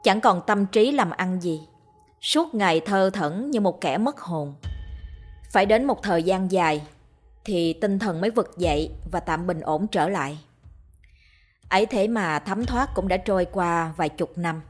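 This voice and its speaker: A woman storyteller reading a ghost story in a steady, measured way. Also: lowish voice, faint music behind. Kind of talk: scripted narration of a ghost story.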